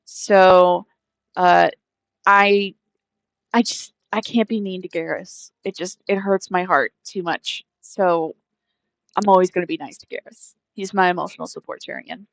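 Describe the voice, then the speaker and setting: Slow-talking, creaky-voiced woman streamer. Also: lowish voice, no echo. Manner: hesitant, rambling, trailing off mid-thought. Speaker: game streamer, host. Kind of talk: casual live-stream gaming chat.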